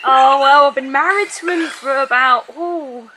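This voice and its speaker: A woman's voice: high-pitched, normal speed, crowd noise, close to an everyday voice. A woman improvising a chatty, tipsy, unhappily married mum in a tabletop role-play, rambling and flustered, with lots of oohs and sighs. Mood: rambling, sighing. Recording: noisy room with clicks.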